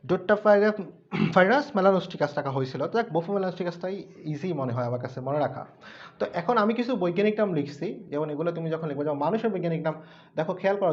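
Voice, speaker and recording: A man's voice: high voice, a little mellow, highs cut off. A man giving an online school biology lecture, explaining step by step and keeping checking that students follow. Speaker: biology tutor.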